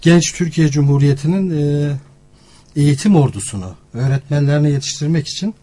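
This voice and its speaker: A male academic with a mellow, slightly high voice. He explains things formally, in measured phrases broken by pauses, as an interview guest. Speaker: university language centre director, professor. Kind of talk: formal informational interview answers.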